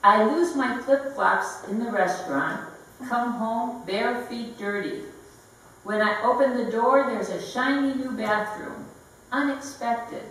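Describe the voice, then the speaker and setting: Slow, distant woman reading poetry. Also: fairly high pitch, a bit bright. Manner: slow, deliberate delivery with light laughs between lines. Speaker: poet. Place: gallery event room. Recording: very echoey room, voice heard from afar with faint background hiss.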